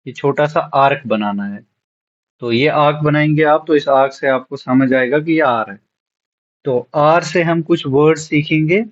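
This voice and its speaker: Heard through a muffled recording, a shorthand teacher with a slightly high voice teaches beginners in a classroom lesson. He spells out words letter by letter, repeating them with patience.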